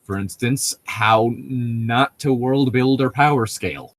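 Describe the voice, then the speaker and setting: A man with a mid-range voice takes his time, recorded without echo. As a podcast co-host reading a novel aloud, he offers rambling, digressive remarks about the book and swears a bit.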